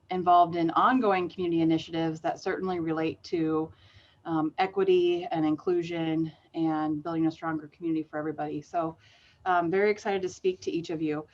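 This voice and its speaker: A woman moderates a panel in a friendly, measured way. Her voice sits a little low. The audio is dull and lo-fi.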